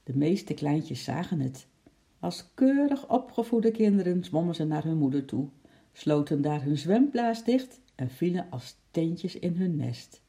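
Gravelly dark-toned storyteller. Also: mid-range voice, unhurried. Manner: lively expressive reading with sound effects. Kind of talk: children's story reading.

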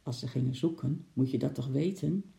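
A man's voice: mid-range voice, brisk, creaky, mellow. Storybook part: man putting on an eager little girl, raised voice, full of questions, roomy echo. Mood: curious. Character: curious young girl.

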